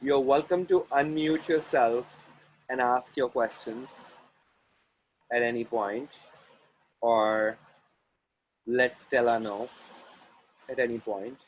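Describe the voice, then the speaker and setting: Outdoors near the ocean, a man from India with an Indian accent facilitates an online group call, leading listeners through clearing phrases in deliberate, chant-like repetitions. His mid-range voice keeps a steady tone, though the audio is dull with slight background noise.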